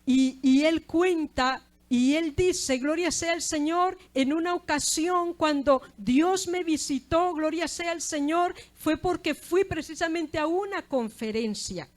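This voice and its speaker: A woman with a high voice preaches a sermon in an earnest, heartfelt way. She is middle-aged and often stops to praise God between her phrases. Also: slow pace, few pauses. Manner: earnest preaching with repeated "gloria sea al Señor".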